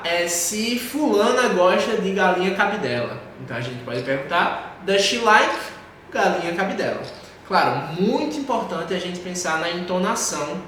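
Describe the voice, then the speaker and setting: A man teaches an English class with a fairly high voice. He is patient and repeats every example so students can drill it. The sound bounces around a very echoey room with a faint hiss underneath. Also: bright, forceful tone.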